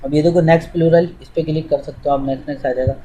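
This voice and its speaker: A man's voice: on the high side, fairly even intonation, racing, warm tone, poor audio. A man teaching English, explaining step by step in an informal way to a student while demonstrating on screen.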